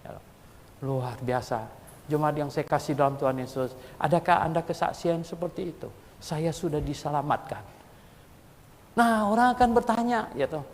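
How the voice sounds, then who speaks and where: A male pastor preaching a sermon in a colloquial, lively storytelling manner, his voice leaping high when he acts out quotes. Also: moderate pace, a little hiss or hum. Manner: colloquial Jakarta-style speech with frequent "gitu". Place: church hall. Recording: long church hall reverb.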